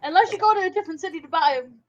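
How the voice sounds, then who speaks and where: A woman's voice: very high-pitched, racing, muffled recording. A woman running a tabletop game as game master, heard through a group voice chat, explaining rules with many restarts and fillers.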